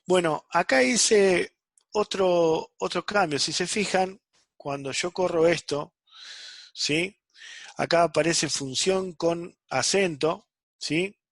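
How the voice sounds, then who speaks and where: A man's voice: on the high side, takes it slowly, long pauses, fairly bright tone, no room sound. A man teaching a programming class online, checking in with the students after nearly every phrase. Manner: checks understanding with frequent "¿sí?" and "¿está?".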